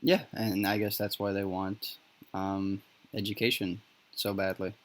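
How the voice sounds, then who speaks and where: A man hosting a casual discussion, talking haltingly with many fillers and restarts, in a poor recording with popping. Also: lowish voice, level tone. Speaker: podcast host.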